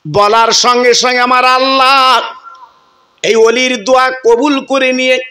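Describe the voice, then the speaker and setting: A Bengali-accented male preacher tells a saint's story in a rhythmic, sing-song sermon, often breaking off with short rhetorical asides. His voice sits very high and sounds bright and ringing. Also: little pitch movement, unhurried.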